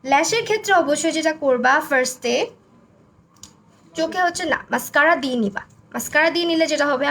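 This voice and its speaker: A young woman from Bangladesh hosts a live makeup stream in a high, hoarse, gravelly voice. She talks casually and reads viewer comments aloud. A faint hiss sits behind her. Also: a bit bright. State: hoarse, voice broken.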